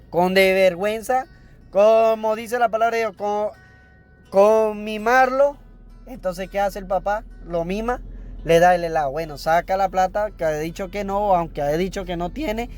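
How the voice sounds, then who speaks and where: A male priest preaching on raising children. He explains by repeating and rephrasing his points, asks the listeners questions, and acts out parents and children in everyday examples. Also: high voice. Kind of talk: sermon on parenting.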